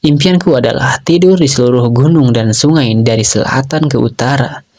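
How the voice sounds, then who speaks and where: A man's voice: medium pitch, moderate pace, a little mellow, lightly acted. A man voicing a lazy, joking young nobleman who likes women, in a casual storytelling recap. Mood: teasing. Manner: teasing, exclaiming.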